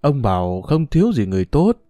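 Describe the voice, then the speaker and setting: A man voicing an old fisherman grandfather, gruff and rambling as he tells war stories to his grandson, with lively intonation over faint background music. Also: mid-range voice, brisk, dry recording, close to an everyday voice. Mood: musing. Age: older. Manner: gruff, rambling storyteller who sips liquor.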